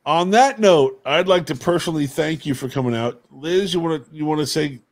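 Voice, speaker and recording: A man's voice: on the high side, brisk. A man co-hosting a video call interview, rambling and playful. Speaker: co-host.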